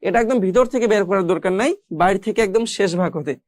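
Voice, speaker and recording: A man teaching how to pronounce Arabic letters, speaking slowly and patiently, repeating each sound several times. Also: high voice, darkish tone, no room sound, studio quality. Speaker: Quran recitation teacher. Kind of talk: recorded pronunciation lesson.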